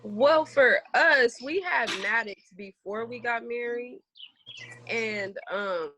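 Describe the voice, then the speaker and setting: A woman in her thirties with a bright, slightly high voice, chatting casually in a group. She is animated and mimics what people say to her. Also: slow, a little hiss or hum, poor audio. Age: 30s. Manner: animated, laughs and quotes people. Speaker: guest. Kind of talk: casual chat.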